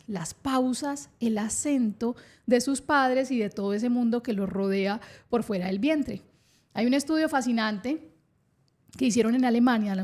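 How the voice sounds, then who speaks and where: Woman, podcast host, enthusiastic explainer, slightly high voice. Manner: enthusiastic, lively explaining with laughs.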